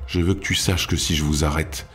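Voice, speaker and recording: A man voicing a cool-headed, menacing city guard who speaks calmly and steadily. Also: extremely low pitch, a little fast, faint music behind. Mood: cold. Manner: calm, steady, cold.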